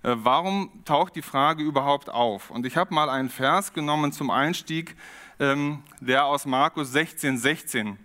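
A man preaching a sermon, reflective and steady, often posing questions to his congregation. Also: fairly high pitch, unhurried. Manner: reflective, poses rhetorical questions.

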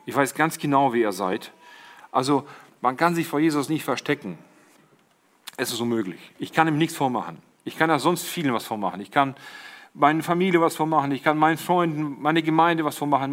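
Middle-aged male preacher, emphatic sermon delivery, slightly high voice. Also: fairly bright tone. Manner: addresses congregation as siblings, quotes Jesus with emphasis.

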